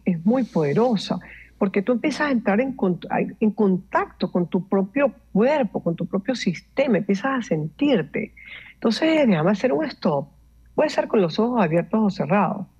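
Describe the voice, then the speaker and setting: Breathy-voiced woman coach. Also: mid-range voice, normal speed, muffled recording. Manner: calm, instructive, mixes in English words. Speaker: meditation coach. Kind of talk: explanatory interview talk.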